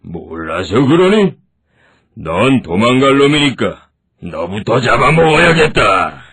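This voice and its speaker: A man voicing a proud, blustering male lion king with a husky, gruff manner in a children's storybook. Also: sing-song, slow pace, a bit bright, full character voice. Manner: gruff, booming laughs and groans.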